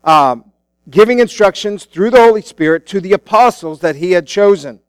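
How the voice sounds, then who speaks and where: A man's voice: high-pitched, lively intonation, normal speed, smooth, no room sound. A male pastor preaching a sermon into a pulpit microphone in a church, in a casual, conversational way with many fillers and restarts. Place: church sanctuary.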